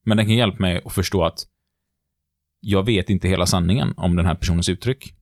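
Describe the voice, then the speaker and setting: A man, a lecturer telling lively stories in casual chat and acting out the quotes. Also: deep voice, no echo, clean studio sound. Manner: lively storyteller who acts out the quotes. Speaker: lecturer on behaviour and body language. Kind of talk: casual podcast chat, storytelling.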